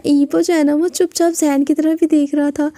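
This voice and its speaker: A woman's voice: high voice, level tone, normal speed, mellow, dry recording. A woman telling a story in a chatty, casual narration full of fillers. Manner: chatty, with frequent fillers and restarts.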